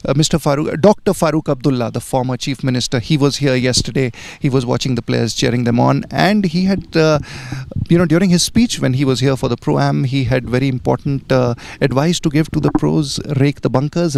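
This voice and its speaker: A male golf commentator talks in a relaxed, informative way and often pauses to find his words. His voice is gravelly and carries no room echo. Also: medium pitch. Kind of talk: live sports commentary chat.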